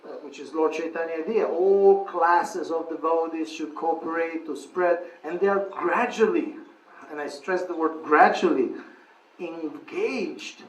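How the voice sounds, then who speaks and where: A man's voice: fairly high pitch, a little slow, a little hiss or hum. A man teaching a seminar and answering a question. He thinks aloud, restarts phrases, and laughs at his own stories. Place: seminar hall. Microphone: far room mic. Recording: echoey room from far off.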